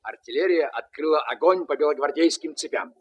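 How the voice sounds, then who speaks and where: A man's voice: a little high, fairly quick, slight background noise, natural voice. An actor playing a kindly, fatherly former soldier who talks to children in playful mock-military style. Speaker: actor in a dramatized story. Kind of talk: dramatic film or radio acting.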